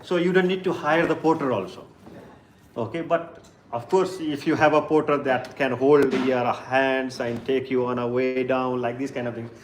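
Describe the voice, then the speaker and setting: A man's voice: medium pitch, steady tone, normal speed, a little hiss or hum. A man, leading a tour and briefing his group in an earnest, repetitive way. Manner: earnest, repeats "like this kind of things". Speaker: tour leader. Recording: echoey room, faint ambience.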